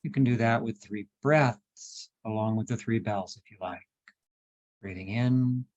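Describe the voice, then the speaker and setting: With a fairly low voice captured on dull-sounding audio, a man conducts a guided meditation, his calm phrases slow and spaced by long pauses.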